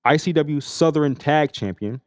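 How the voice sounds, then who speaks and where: A man's voice: on the high side, measured pace, a little mellow, no echo, clean studio sound, in a large hall. A man co-hosting a casual podcast, reading off stats in a laid-back way. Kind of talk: casual chat.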